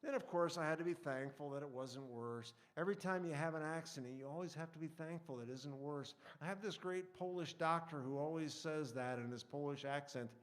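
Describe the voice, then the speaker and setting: A man's voice: on the high side, brisk, hardly any pauses. Man reading a wry personal story. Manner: wry, reflective, conversational. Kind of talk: read-aloud personal storytelling.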